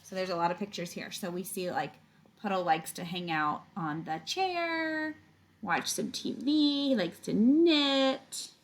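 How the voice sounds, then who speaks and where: Unhurried and medium in pitch, a woman reads a picture book to children like a teacher. She stretches words, tells the story with lots of animation, and adds casual asides explaining things to her young listeners.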